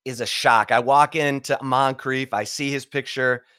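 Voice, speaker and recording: A middle-aged man hosts a casual sports podcast, chatty and quick to tell stories. His voice sits at an ordinary pitch. The recording is dry and close. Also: fairly even intonation, smooth, dry recording. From Michigan. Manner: chatty storyteller, warm welcomes. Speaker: podcast host.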